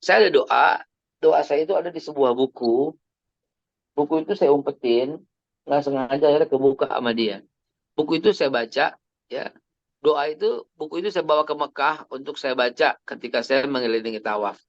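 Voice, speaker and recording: Gravelly preacher in his fifties. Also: a little high, moderate pace, dry recording. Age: 50s. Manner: chatty, storytelling, sprinkles English phrases. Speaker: Islamic preacher. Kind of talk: casual family sermon. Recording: dry, slightly dull lo-fi recording.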